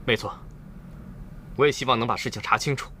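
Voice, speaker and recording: A man's voice: mid-range voice, brisk, sharp tone, slight background noise, close to an everyday voice. An actor playing an earnest, stubborn young male disciple in a costume drama, insistent and pleading. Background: drama score music.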